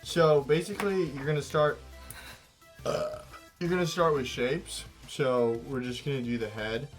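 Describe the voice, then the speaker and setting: A man's voice: mid-range voice, fairly even intonation, unhurried, soft background music. A man co-hosting a casual drawing tutorial, talking in a rambling, playful way and often correcting himself. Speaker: art show co-host.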